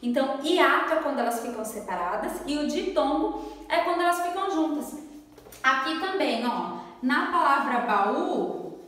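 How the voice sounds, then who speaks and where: A Brazilian Portuguese-speaking woman teaching a lesson at the board, friendly and patient, drawing words out slowly as she spells them. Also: high-pitched, lively intonation, fairly bright tone. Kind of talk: classroom lesson at a whiteboard. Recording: echoey room, voice from far off.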